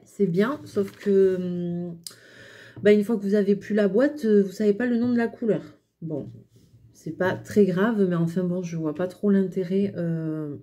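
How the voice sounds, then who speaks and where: A young French woman talking casually to camera while testing felt pens, with lots of fillers and hesitations. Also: mid-range voice. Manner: hesitant, many fillers, chatty and relaxed. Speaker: craft vlogger reviewing pens. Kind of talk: casual product review.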